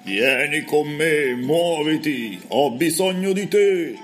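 A skinny, ragged ghost, as a woman storyteller puts him on creeps through the lines in a hollow voice that seems to rise from a stovepipe. The pitch sinks deep and the words drag slowly as he wheedles and pleads. Soft music plays faintly under this storybook reading. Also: expressive. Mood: menacing. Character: gaunt ragged male ghost, pleading and eerie.

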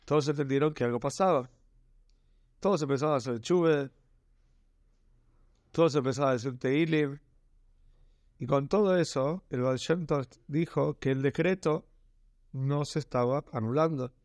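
A man with a Rioplatense Spanish accent tells a religious tale in a slightly raised voice. He sounds earnest and slows down to stretch the key words. The sound is dry and close. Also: fairly high pitch, darkish tone, dry recording. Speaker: storyteller. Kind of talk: telling a religious story.

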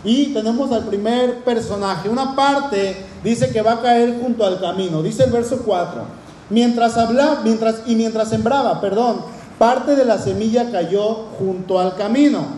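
Earnest male preacher, soft warm tone, sermon delivered in a reverberant hall with faint room hum. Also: very high-pitched, a little slow. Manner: earnest, addresses congregation with rhetorical questions. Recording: roomy echoing hall.

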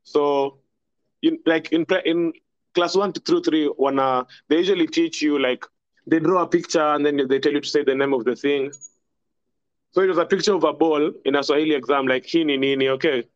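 Here a podcast guest, a young man with a Kenyan accent, tells meandering school anecdotes in relaxed conversation, sprinkling in Swahili and frequent laughter. His pitch is fairly high, his tone steady, his delivery a little fast. It's a dry recording with dull audio.

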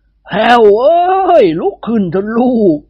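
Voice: measured pace, no room sound, lo-fi sound, close to an everyday voice. A narrator voicing a mischievous young man who pretends to be a hungry ghost, wailing and squeezing his voice thin in a storybook reading.

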